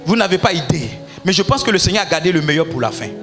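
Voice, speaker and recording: A man delivers a sermon as pastor, his voice pitched high and ringing bright. He swings into shouts and sung phrases as he preaches. Faint music sits behind him. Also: very animated, quick pace.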